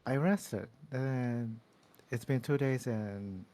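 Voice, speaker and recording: A man's voice: mid-range voice, slow pace, mellow. A man talking in casual stream chat while sick, his voice not fully recovered, laid-back and shrugging it off. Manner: laid-back, laughing things off. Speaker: guest streamer.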